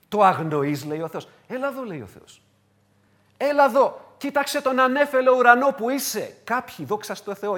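A man preaching a sermon to his congregation, emphatic and repetitive, moving between loud declarations and hushed asides. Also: sits high. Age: adult with wife and children.

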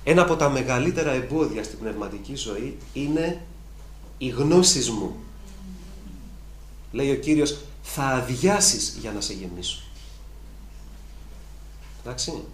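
A man delivers a sermon with emphatic, repetitive phrasing, and his voice climbs to fervent peaks. His voice carries through a reverberant room. A faint ambient hum sits underneath. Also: medium pitch. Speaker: preacher.

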